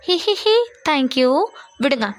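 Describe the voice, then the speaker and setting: A woman's voice: high-pitched, fast talker, no echo, close to an everyday voice. A woman voicing a cheeky young cartoon woman who teases playfully. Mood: teasing.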